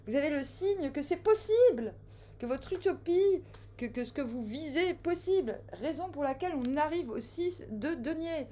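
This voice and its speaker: A woman giving a casual tarot reading who talks straight to her viewers, joking, teasing and scolding them, with sudden loud bursts and quiet asides. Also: high voice, animated, moderate pace, a little hiss or hum. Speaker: tarot reader.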